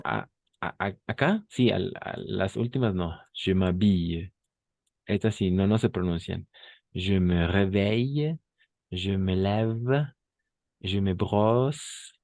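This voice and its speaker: A French teacher with a very low, slightly mellow voice runs a bilingual language lesson at an unhurried, methodical pace. He patiently repeats each word and phrase and often asks whether everyone is following. The recording is dry and close, with no room sound.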